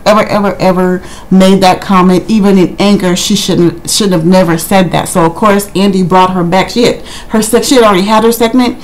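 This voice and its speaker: A woman's voice: medium pitch, steady tone, brisk, hardly any pauses, low-quality recording. Chatty woman giving a casual recap. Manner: conversational, rambling, acts out others' quotes. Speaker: reality TV recap vlogger. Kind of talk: casual chatty review commentary.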